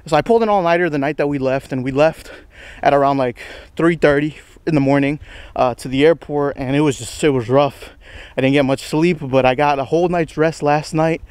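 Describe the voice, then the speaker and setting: A young man in his twenties rambles through a casual vlog while hiking a wooded trail, full of slang and a touch out of breath. His voice sits a bit high for a man. The sound is close and dry, with little room around it. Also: a little fast, darkish tone, clean tone, no echo. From United States. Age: 20s. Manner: rambling, slangy, self-deprecating, says bro a lot. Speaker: vlogger. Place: outdoors on a wooded estate trail.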